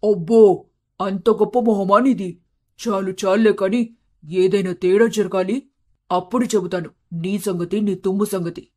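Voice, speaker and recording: An actor voicing an anguished middle-aged shop-owner husband in an animated storybook, loud and scolding as he laments. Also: high-pitched, a little slow. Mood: mocking.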